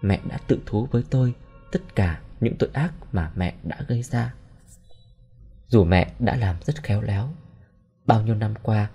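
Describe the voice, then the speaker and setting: A man reading the part of a sorrowful young man who quietly recounts his family's tragedy, in a storybook reading. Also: lowish voice, normal speed, breathy edge, faint music behind. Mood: mournful. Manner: subdued, mournful.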